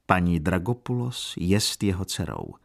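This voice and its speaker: A worldly count, read by a man with a very low voice, speaks calmly and gravely. He delivers his warnings in measured, steady phrases. The voice is deep and unhurried. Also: heavily acted. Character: calm, worldly older nobleman, a count.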